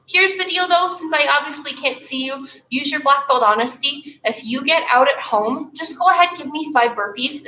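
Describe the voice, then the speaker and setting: High-voiced, fast-talking woman martial arts instructor. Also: slight background noise. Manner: energetic, fast-talking, calls out drills. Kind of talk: live online kids' martial arts class. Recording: roomy, dull-sounding room audio.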